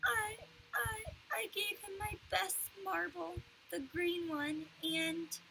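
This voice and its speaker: A woman's voice: fairly even intonation, background noise. A woman doing a sobbing little boy. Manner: high, sobbing, drawn-out. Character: small crybaby boy, whiny and excitable.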